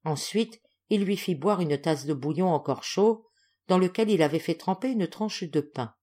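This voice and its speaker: Woman reading a classic novel, lowish voice. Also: warm tone. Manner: measured, clear storytelling. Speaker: audiobook reader. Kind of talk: classic novel audiobook narration.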